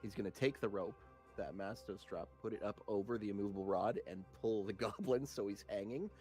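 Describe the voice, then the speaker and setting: Low-voiced man playing a tabletop game. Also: brisk, a little mellow. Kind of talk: casual in-game chat. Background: background music.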